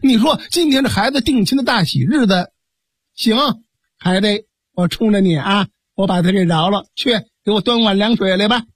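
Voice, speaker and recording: A male storyteller voicing a fierce, sharp-tongued older female innkeeper in a traditional tale. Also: sits high, breathy edge, dry recording, clean studio sound. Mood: relenting. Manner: scolding, quick storyteller's patter.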